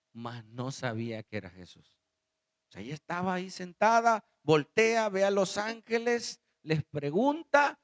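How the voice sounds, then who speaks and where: A man preaching a sermon as pastor. He calls out to the congregation and reads scripture with dramatic shifts in his voice. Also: high voice. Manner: calls out to the congregation, asking them to follow along.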